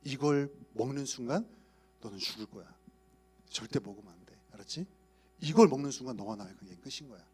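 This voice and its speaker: A man voicing God as a warm, fatherly figure who coaxes and shows things with affection. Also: mid-range voice, expressive, fast, faint music behind, natural voice. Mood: grave. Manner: affectionate and coaxing. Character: warm fatherly God, gently showing creation.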